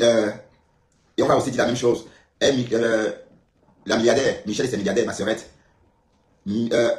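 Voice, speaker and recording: Give me a man from Cameroon on a live stream, talking fast and repeating himself emphatically. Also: mid-range voice. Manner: emphatic, repetitive, addresses viewers directly. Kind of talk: casual live-stream talk replying to comments. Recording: echoey room, faint background ambience.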